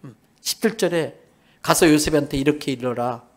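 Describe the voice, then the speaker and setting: A pastor with a Busan accent preaches in a church, his voice pitched high for a man. He moves between soft, low asides and loud, emphatic calls, slowing down to read scripture before explaining it plainly. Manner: reads scripture aloud slowly, then explains it in plain talk. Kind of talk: sermon. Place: church sanctuary.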